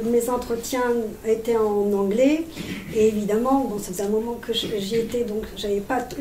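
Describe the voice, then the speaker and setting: A woman's voice: a little high, mellow. A woman on a discussion panel, speaking emphatically and laughing often about her work recruiting. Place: conference room. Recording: echoey room, distant mic, faint noise.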